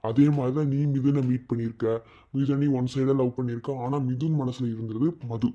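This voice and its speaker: A man voicing a patient, wise uncle in a cartoon love story who gives gentle advice. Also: medium pitch, fairly even intonation, lo-fi sound, lightly acted. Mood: gentle advising. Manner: patient, advising, measured. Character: calm, wise uncle giving a young woman advice.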